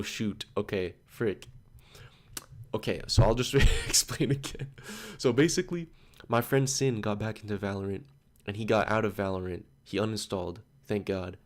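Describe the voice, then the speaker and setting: Rambling young man, low voice. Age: 20s. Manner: loose and chatty, many filler "like"s, jumps between stories. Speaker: study streamer. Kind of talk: casual rambling chat on a livestream.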